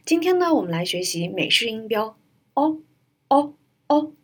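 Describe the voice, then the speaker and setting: A woman teaching an English pronunciation lesson, reading model words and sentences slowly and clearly. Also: a little high, sing-song.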